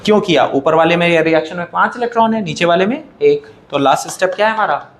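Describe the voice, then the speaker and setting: A man's voice: high-pitched, fast talker. A male chemistry teacher giving a classroom lecture, addressing students as "beta" and asking and then answering his own questions. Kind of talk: classroom lecture in Hindi-English mix. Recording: echoey room with faint background noise.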